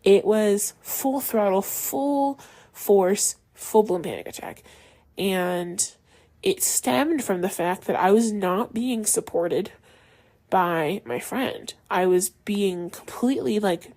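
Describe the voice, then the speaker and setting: A woman's voice: mid-range voice, slow, a little mellow. A young adult woman hosting a podcast, telling a personal story in a casual, chatty way with many fillers. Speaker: podcast host.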